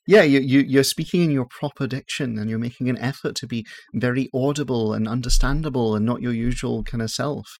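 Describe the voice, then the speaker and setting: A man's voice: mid-range voice, brisk, hardly any pauses, a little mellow, no echo. A man co-hosting a podcast who trades dry, teasing banter in casual chat. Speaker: podcast co-host.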